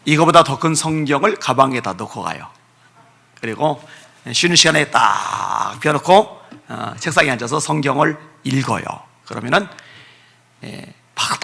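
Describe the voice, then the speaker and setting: A man's voice: medium pitch, expressive, moderate pace, gravelly, bright, forceful tone, slightly rough. A male pastor preaching at a revival meeting in a church, telling personal stories with emphatic repetition. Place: church sanctuary.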